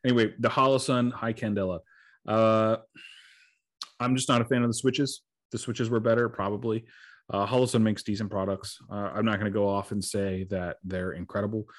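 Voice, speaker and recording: Low-voiced casual male podcast host. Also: steady tone, a little fast. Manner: rambling, filler-heavy, tired and yawning.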